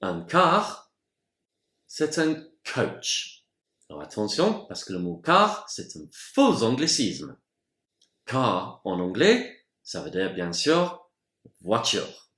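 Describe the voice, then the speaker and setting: Slow, careful male language teacher. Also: medium pitch, wildly swooping pitch, a bit bright. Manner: slow, careful pronunciation of example words. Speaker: English teacher. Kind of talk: bilingual vocabulary lesson. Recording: roomy echoey room.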